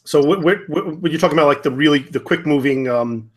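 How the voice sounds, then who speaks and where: A man's voice: a little high, quick pace. A man hosting a tabletop gaming talk show, asking questions with many fillers and restarts. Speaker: podcast host. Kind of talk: casual hobby gaming discussion.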